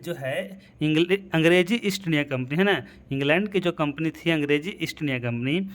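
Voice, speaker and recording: A man's voice: fairly high pitch, a bit bright, a little hiss or hum. A man teaching an exam-prep history lesson. He keeps asking "है ना" and chuckles at his own memory tricks. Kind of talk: lecture.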